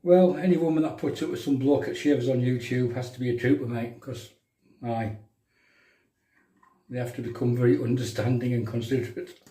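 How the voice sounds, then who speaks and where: Middle-aged male livestream host, County Durham accent, soft mellow tone, matey banter, recorded in a roomy bathroom away from the mic. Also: mid-range voice, steady tone, normal speed. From County Durham, England. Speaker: livestream host of a shaving show. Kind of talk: casual live chat with viewers while demonstrating shaving. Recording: roomy bathroom echo, distant microphone.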